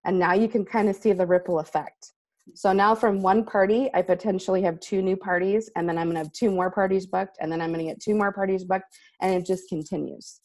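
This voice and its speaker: A woman's voice: medium pitch, fairly even intonation, fairly quick, a little mellow. A woman on a group video call, chatty and upbeat, often saying "like" as she shares tips. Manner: chatty, says like a lot. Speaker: consultant sharing tips. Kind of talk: casual group call talk.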